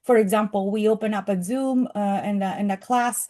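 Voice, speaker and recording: A middle-aged woman with a strong Italian accent, giving a presentation earnestly and often pausing on fillers and restarts. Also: mid-range voice, steady tone, mellow. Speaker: program presenter. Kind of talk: presentation to an audience.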